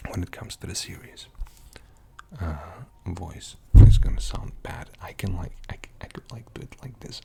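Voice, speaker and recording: Low gravelly male ASMR whisperer. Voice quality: mostly unvoiced whisper. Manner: soft, rambling, with many fillers. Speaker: ASMR video host. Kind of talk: whispered ASMR game show-and-tell.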